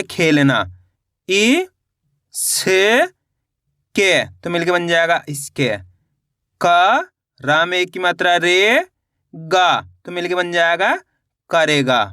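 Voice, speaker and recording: Bright, crisp-voiced male teacher. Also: high voice, no room sound, clean studio sound. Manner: slow, patient syllable-by-syllable spelling with repeated questions to viewers. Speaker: Hindi reading teacher. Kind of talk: online reading lesson.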